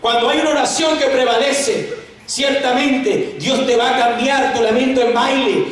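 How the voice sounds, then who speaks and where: A male evangelist preaching an impassioned sermon, fervent and shouting at times, recorded from far off in a church. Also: fairly even intonation, normal speed. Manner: fervent, shouting, swinging from loud to low. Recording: echoey church, voice from far off, faint noise.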